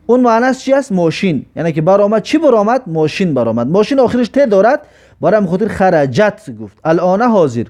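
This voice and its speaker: In a high, sing-song, slightly mellow voice, a man works through an Arabic grammar lesson one step at a time. He asks his own questions, answers them, and reads each example sentence slowly.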